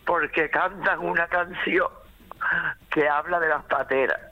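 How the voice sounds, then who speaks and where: A man from Málaga with an Andalusian accent, telling an animated anecdote on radio and acting out the voices in it. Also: a little high, measured pace, highs cut off. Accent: Andalusian Spanish. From Málaga, Spain. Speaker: radio contributor. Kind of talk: casual radio chat, storytelling.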